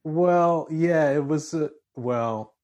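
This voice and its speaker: A Canadian man in his forties with a fairly neutral accent, a musician talking in a relaxed interview, restarting phrases as he thinks. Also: on the high side, takes it slowly. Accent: fairly neutral Canadian English. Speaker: musician and voiceover artist guest. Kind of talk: casual interview chat.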